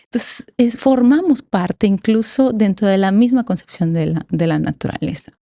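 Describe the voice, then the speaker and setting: A Mexican woman speaks as an expert guest in a podcast interview, with a mellow, warm timbre at a middling pitch. Her explanations are conversational and emphatic, often framed as questions, and the sound is dry, without room echo. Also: normal speed, vocal fry. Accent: Mexican Spanish. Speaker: academic guest.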